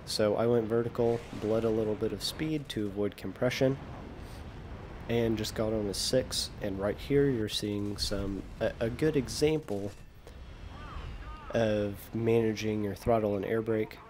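Commentating his gameplay at a measured pace, this young man from the United States has a fairly low voice and a loose, easygoing style. He makes jokes at his own expense and lets thoughts trail off, while a faint low rumble runs beneath the recording of his casual video.

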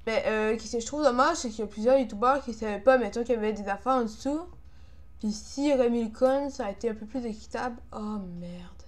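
A young woman with a Quebec French accent comments casually over her own gameplay. Her voice sits a little high. She sounds frustrated, grumbling and swearing about how the game is going. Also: quick pace. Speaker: gamer, video creator.

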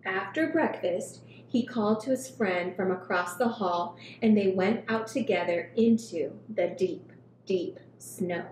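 She's in her thirties and hosts story hour, reading a picture book aloud to small children in an expressive, drawn-out manner. Recorded through a headset at a table in a small indoor room, the audio has a roomy echo and a low rumbling noise.

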